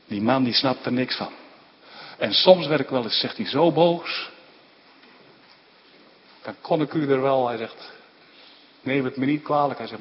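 A man preaching a sermon with fervor, his voice swelling louder on key phrases. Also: a little high. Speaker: pastor. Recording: dull lo-fi church recording with long reverb.

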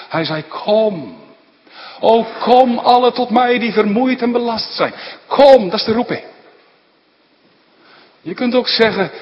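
High-voiced preacher in an echoing church. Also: male voice, muffled recording. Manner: urgent repeated calls, alternating with slow explanation. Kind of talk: sermon.

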